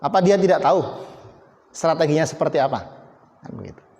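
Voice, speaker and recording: A fairly high-pitched man gives an emphatic motivational talk to a company team. He hammers on key words and teases people in the audience by name. His voice rings through a roomy hall with a long reverb tail. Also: expressive, a little fast, gravelly, darkish tone. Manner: emphatic, repeats key words, jokes with named audience members. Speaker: motivational speaker.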